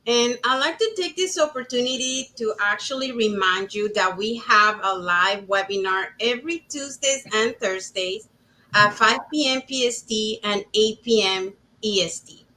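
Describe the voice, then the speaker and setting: A woman's voice: a little high, moderate pace, bright, forceful tone, poor audio. A woman from Panama hosting an online panel, giving upbeat, welcoming introductions. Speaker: webinar host.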